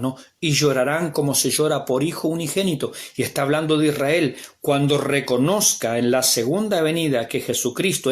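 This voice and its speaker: A man with an Argentine accent, a pastor teaching a Bible class as a sermon, swinging between emphatic raised lines and hushed asides. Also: fairly high pitch. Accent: Argentine Spanish.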